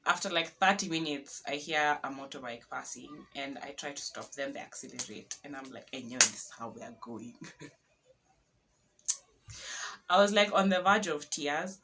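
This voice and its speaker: A young Kenyan woman with a Kenyan accent, casually retelling a road trip story to camera, animated and dramatic. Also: low-pitched, normal speed. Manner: animated retelling with laughs and dramatic whispered asides. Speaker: vlogger.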